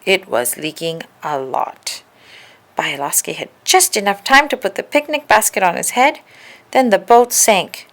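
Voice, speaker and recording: Here a storybook reader, a woman with a medium-pitched voice, gives a children's tale an expressive and carefully paced reading.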